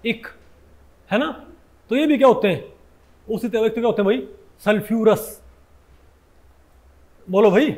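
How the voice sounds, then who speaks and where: A man's voice: sits high, darkish tone. A male chemistry teacher giving a lecture, who keeps throwing questions at his students and corrects himself as he goes. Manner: keeps asking students questions, often says "bhai"; corrects himself mid-sentence. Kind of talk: Hindi classroom lecture.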